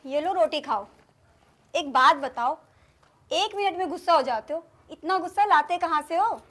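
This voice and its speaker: A woman's voice: very high voice, lively intonation, normal speed, a bit bright. An actress playing a young village daughter-in-law, teasing her husband and answering back. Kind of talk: rural comedy film acting.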